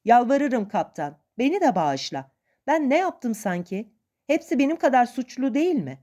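A woman's voice: on the high side, big pitch swings, moderate pace, mellow, pitched above the performer's own voice. A woman voicing a desperate mutineer who begs the captain for mercy. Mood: begging.

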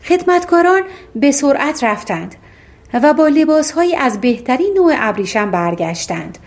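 A woman's voice: on the high side, a little mellow. A woman narrating a fairy tale audiobook, reading expressively and voicing the characters herself.

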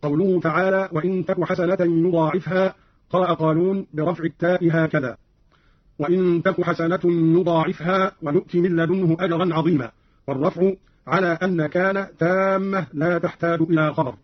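A high-voiced man reads a formal scripted explanation in a measured tone, now and then demonstrating a recited phrase. The recording is dull and lo-fi, like old radio, and very dry, with no room sound. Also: fairly even intonation, no room sound. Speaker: radio presenter explaining readings.

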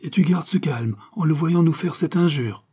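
A man's voice: on the high side, moderate pace, mellow, slightly rough, voice pushed up. A man reading aloud, voicing a proud, domineering old paralysed woman in indignant outbursts.

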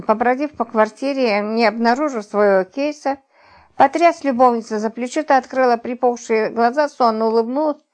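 A woman narrating an audiobook in an expressive, theatrical reading style. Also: on the high side. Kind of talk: scripted narration.

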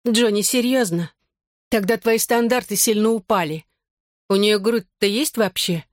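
A woman's voice: mid-range voice, measured pace, dry recording, studio quality, voice pushed up, lightly acted. An audiobook reader voicing a jealous, pushy young woman who snaps, whines and pleads. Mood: pleading, spiteful. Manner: whining, snapping and pleading. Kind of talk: audiobook character voice.

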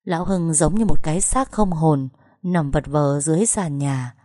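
A woman's voice: sits low, moderate pace, warm tone, no room sound, clean studio sound. A woman narrating a first-person dramatic story with emotional, tense storytelling.

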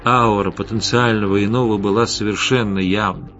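A man narrating a fantasy novel in a measured, expressive way. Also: lowish voice. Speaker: audiobook narrator. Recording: slightly dull lo-fi audio, faint music.

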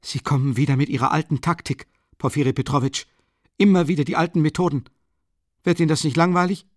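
An actor voicing a tense, irritable young man who is cornered and pushes back with rapid, agitated questions. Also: on the high side, darkish tone, no echo, clean studio sound, pitched above the performer's own voice, lightly acted. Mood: irritated, agitated.

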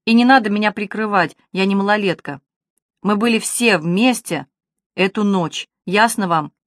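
A proud young woman with a cutting, challenging tongue, as a woman narrator plays her. The voice sits at an ordinary middle pitch and sounds close and dry, with no room around it. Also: moderate pace, dry recording, close to an everyday voice. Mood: defiant.

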